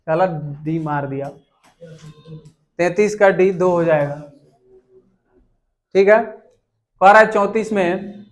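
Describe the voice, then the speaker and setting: A young man teaches in a high voice. He reads each exam question slowly and repeats it before giving the answer.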